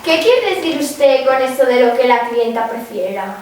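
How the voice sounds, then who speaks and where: A woman's voice: sits high, lively intonation, moderate pace, a little mellow. Female field reporter, acted on stage, inquisitive and polite, Asturian accent, mock news, distant echoey hall. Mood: curious.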